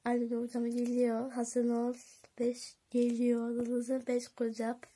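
A woman vlogging casually to her viewers, chatty and excitable, giggling often. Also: a little high, unhurried, breathy edge. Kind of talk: casual vlog chat to viewers.

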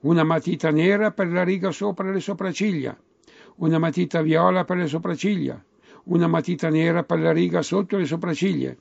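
A man's voice: a little high, steady tone, brisk, vocal fry, a little mellow, no echo, highs cut off. A man voicing a sweet, polite saleswoman in a comic dialect story, reciting product lists. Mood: insistent, courteous. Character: tall blonde saleswoman, polite, sweet-voiced, relentless product lister. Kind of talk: comic storytelling, acted dialogue.

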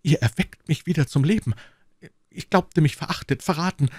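A man's voice: fairly high pitch, normal speed, a little mellow, breathy edge, no room sound, studio quality, pitched above the performer's own voice. A man voicing a secretive, lovestruck young musketeer in an audiobook reading, speaking with emotion. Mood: wistful.

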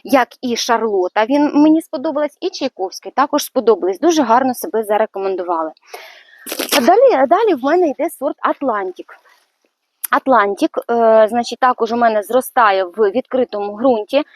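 A woman's voice: on the high side, animated, fairly quick, dry recording. A woman giving a casual walkthrough of her vegetable garden, chatty and a little hesitant, with many fillers. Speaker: gardening vlogger.

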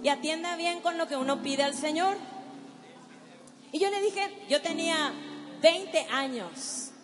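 A woman, preaching a testimony to a youth gathering. She speaks emphatically, directs the crowd and slows down for dramatic effect. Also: high-pitched. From Paraguay. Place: large hall with live audience. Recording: reverberant hall with background music.

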